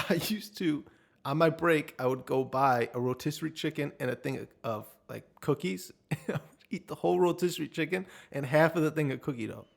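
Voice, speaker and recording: A man's voice: on the high side, fairly quick, vocal fry. Playful joking man on a podcast. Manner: playful, jokey. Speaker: podcast co-host. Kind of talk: casual chat.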